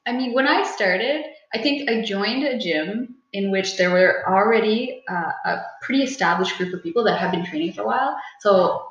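A woman's voice: medium pitch, moderate pace, hardly any pauses. A young woman co-hosting a podcast in casual chat, laughing often and filling her talk with "like". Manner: laughs often, lots of "like" fillers. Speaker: podcast co-host, Muay Thai fighter. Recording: echoey, dull lo-fi room sound.

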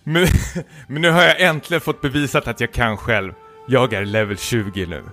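A man's voice: medium pitch, sharp tone, soft background music. A man co-hosting a podcast who reads his own comic fan story aloud in a playful way, often laughing as he reads. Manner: playful, breaks into laughter while reading. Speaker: podcast co-host. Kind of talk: comic reading of a self-written fan story.

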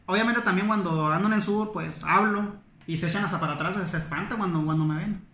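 A man's voice: sits high, fast talker, a little hiss or hum. A man from Coahuila with a Coahuila accent, telling anecdotes in casual chat and acting out what people said. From Coahuila, Mexico. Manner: animated storytelling, acts out quotes. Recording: echoey room.

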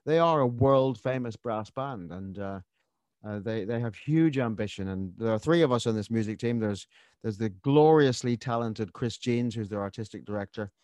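A man's voice: on the low side, moderate pace, darkish tone, no room sound. A man from Ireland, a choir's musical director, chatting as a guest on a radio interview with many restarts.

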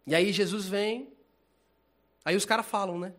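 High-voiced, lively preacher man. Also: measured pace. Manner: casual, animated, slangy preaching, laughs often. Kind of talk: informal sermon.

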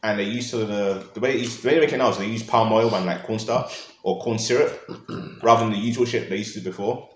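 A man's voice: lowish voice, quick pace. A young man with a London accent, chatting casually in informal slang. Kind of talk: casual chat. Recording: roomy, echoey sound.

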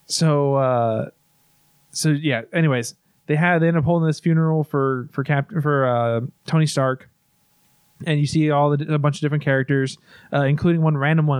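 A man's voice: on the high side, fairly even intonation, a little fast, clear, resonant tone, dry recording, clean studio sound. A man casually recapping a movie in long, rambling stretches, restarting often and swearing now and then.

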